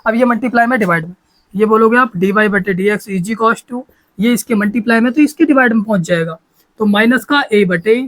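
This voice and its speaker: A man's voice: very high-pitched, poor audio. A man teaching a maths lesson, talking in a repetitive, coaxing way and often checking that students follow.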